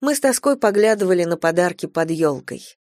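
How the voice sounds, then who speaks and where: A woman reading a first-person story as an audiobook narrator, calm and measured, on a close mic. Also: fairly low pitch, no room sound.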